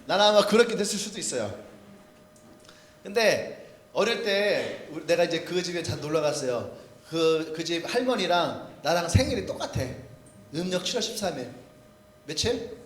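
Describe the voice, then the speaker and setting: A man's voice: a little high, expressive, moderate pace, long pauses, roomy sound, slight background noise. A male pastor giving a humorous storytelling sermon, acting out quoted voices. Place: church sanctuary.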